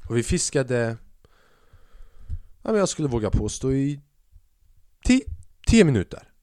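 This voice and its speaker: A man's voice: mid-range voice, very animated, mellow, dry recording, clean studio sound. A man hosting a podcast who tells a comic story in a casual, slangy style, often swearing. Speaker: podcast host.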